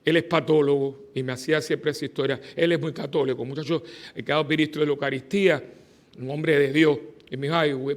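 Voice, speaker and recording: A middle-aged male priest giving a lively sermon, swinging from loud exclamations to soft confiding asides. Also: on the high side.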